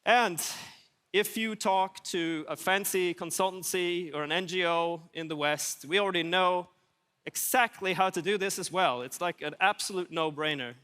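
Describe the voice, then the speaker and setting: Talking at normal speed, a Swedish man presents at a conference in a high, clean voice, smooth with a sharp edge. He's casual and dryly witty, and the large hall adds a long echo.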